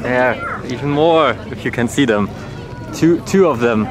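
A young man talks to a camera held at arm's length outdoors, and water and wind noise come through clearly behind him. He speaks at an everyday pitch, rambling through his travel vlog and pausing to hunt for the right word. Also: a crowd in the background. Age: young adult. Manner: rambling, searches for words, gushes over animals. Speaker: travel vlogger. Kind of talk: casual travel vlog narration. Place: outdoors on a seaside shrine island. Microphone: action camera held at arm's length. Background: water lapping and outdoor ambience.

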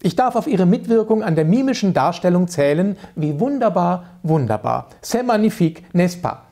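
A gushing, affected society lady, put on by a man reading aloud, her voice pitched high and full of airs. She effusively drops French phrases into her talk, as in an old-time storybook. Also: sing-song, moderate pace, warm tone.

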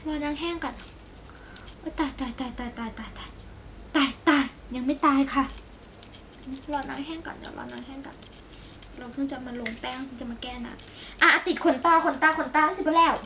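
A woman's voice: high voice, fairly quick. A young woman doing a casual makeup tutorial, chatty and exclamatory, joking at her own expense and talking straight to her viewers. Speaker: beauty vlogger. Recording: slightly dull recording with faint background noise.

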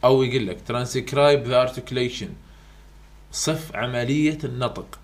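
A man's voice: mid-range voice, unhurried. Man, Iraqi Arabic accent, tutor, casual exam-prep lesson, repetitive explaining, English terms mixed in.

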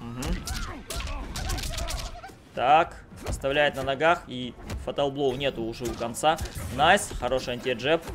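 A young man commentating a live fighting game tournament like an announcer, with exclamatory calls and gamer slang, close on a streaming mic at home. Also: medium pitch. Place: small room at home, streaming.

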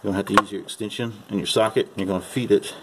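At a car's open engine bay, an amateur mechanic narrates a repair demonstration as he works, unscripted and folksy, calling parts "her." His voice is on the low side, with fairly even intonation and rapid-fire delivery, against heavy background noise.

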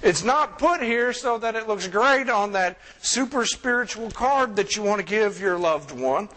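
A man with a high, light voice preaches to his congregation, easygoing and joking as he talks with the pews. His voice rings with a long church reverb. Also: pushed and bright. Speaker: pastor. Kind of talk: sermon. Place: church sanctuary.

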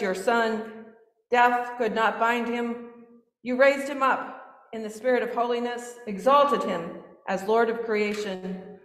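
A woman pastor leading a communion prayer in a measured, solemn intoning manner, heard with cathedral echo. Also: a little high. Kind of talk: liturgical prayer. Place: large church sanctuary. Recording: echoey church from a distance.

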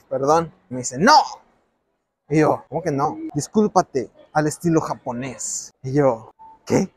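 A young man with a Mexican accent, telling a slangy, animated story in a casual vlog. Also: a little high. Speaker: vlogger and street interviewer. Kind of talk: casual storytime with street interviews.

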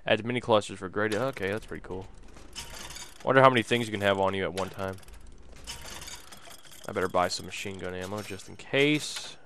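A man's voice: on the low side, fairly quick, long pauses, fairly bright tone, slight background noise. A young man casually commenting on a video game, reading menus aloud and cracking jokes. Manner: goofy, jokey, mutters menus aloud, bursts into silly voices. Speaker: gameplay commentator.

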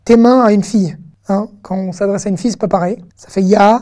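A woman's voice: mid-range voice, fast, dark tone. A woman teaching an online reading lesson, patiently sounding out words syllable by syllable and checking in often with her students.

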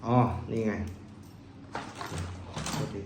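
A man from Thailand demonstrating a crossbow pistol in a casual, polite way, talking while he handles the gear and often trailing off into soft asides. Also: extremely slow. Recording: echoey room with faint noise.

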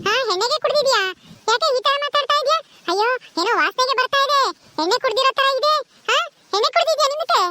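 A woman playing a nosy village neighbour who fusses and exclaims with quick questions in a comedy skit. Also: extremely high pitch, animated, bright, forceful tone, dry recording, exaggerated voice. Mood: fussing.

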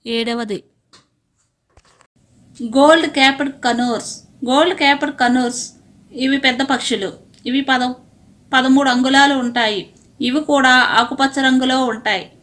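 A woman narrates an informational voice-over in a high, light voice, using short, plain sentences to step through one item after another at an even, steady rate. She's a little slow and pauses often.

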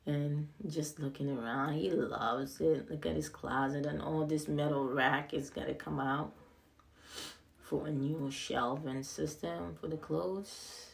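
A young adult woman casually narrating a tour of an empty house, excited and rambling, repeating words, filmed on a handheld phone indoors. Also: deep voice, takes it slowly, vocal fry. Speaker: vlogger giving a house tour. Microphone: handheld phone camera, filming.

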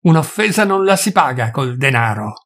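A man voicing a furious, grieving male doctor who shouts and hammers out each word, with a husky voice. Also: medium pitch, sing-song, normal speed. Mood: scornful.

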